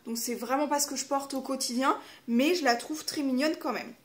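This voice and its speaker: Une femme qui parle de façon décontractée en déballant des calendriers de l'avent, avec beaucoup d'hésitations et d'autocorrections. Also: female voice, sits high, brisk. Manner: chatty, lots of fillers, self-correcting. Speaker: vlogger opening advent calendars. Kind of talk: casual unboxing chat.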